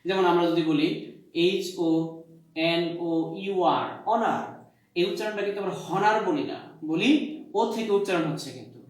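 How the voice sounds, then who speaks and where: A male college English lecturer from Bangladesh teaching a grammar lesson. He asks the class questions, answers them himself, repeats key points and fills pauses with "uh". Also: sits high. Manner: hesitant, many "uh" fillers. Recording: very echoey room.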